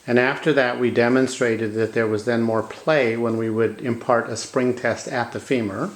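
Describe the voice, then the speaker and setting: A man working as a manual physical therapist, calmly explaining each step of a clinical demonstration in a treatment room and speaking gently to his patient. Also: medium pitch, normal speed, poor audio.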